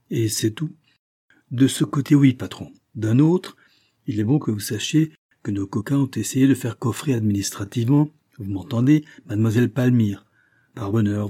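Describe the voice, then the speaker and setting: A man's voice: on the low side, dark tone, slightly rough. A man voicing an eager male servant who spies for his boss and reports to him humbly and at length. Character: eager, deferential male servant turned spy.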